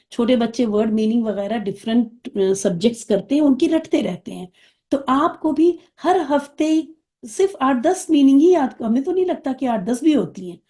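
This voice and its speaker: Mellow-voiced woman teaching a class. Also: fairly high pitch. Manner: patient explaining, checks understanding with the class. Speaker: Arabic teacher. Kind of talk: online class lesson.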